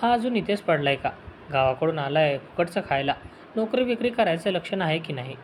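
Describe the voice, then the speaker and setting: A man's voice: on the high side, lively intonation, fairly quick, a little hiss or hum, lightly acted. A man voicing a drunk, abusive middle-aged uncle who talks harshly and scornfully in an audio story. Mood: angry.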